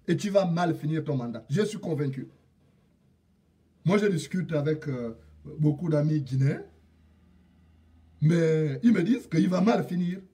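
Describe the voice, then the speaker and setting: A man's voice: on the high side, dark tone, recorded from a distance. A man from Gabon addressing a president directly in an indignant political rant, repeating proverbs and lines for emphasis. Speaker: political commentator.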